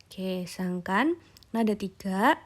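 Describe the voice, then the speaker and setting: A woman's voice: mid-range voice, animated, slow. A young adult woman teaching a recorded language lesson, explaining tones patiently and modelling each syllable aloud. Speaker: Mandarin teacher.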